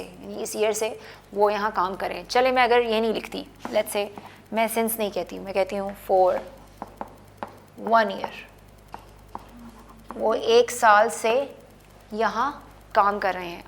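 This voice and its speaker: A woman's voice: medium pitch, vocal fry. A woman teaching an English grammar lesson, explaining patiently and often checking in with the listener. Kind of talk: bilingual classroom lesson.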